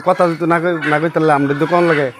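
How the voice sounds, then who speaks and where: A man, talking prices as a cattle buyer, brisk and matter-of-fact. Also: a little high, fairly even intonation, background noise. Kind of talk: casual bargaining chat. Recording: outdoor chatter and clucking chickens.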